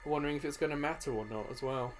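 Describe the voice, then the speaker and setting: Rapid-fire and on the high side, this man's voice carries casual gameplay commentary as he hosts a gaming video series, thinking aloud to himself. Video game music plays behind him.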